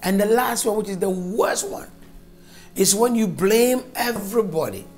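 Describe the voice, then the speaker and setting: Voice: mid-range voice, sing-song, normal speed, darkish tone, soft background music. A preacher giving a fervent, emphatic sermon and spoken prayer, repeating phrases for stress.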